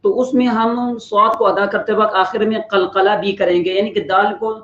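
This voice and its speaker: Quran pronunciation teacher, mid pitch, patient and explanatory, holds demo letters long; dull lo-fi recording. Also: fairly even intonation, a bit bright. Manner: patient explaining, drawing out each letter slowly to demonstrate. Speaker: tajweed teacher. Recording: roomy, slightly dull lo-fi recording.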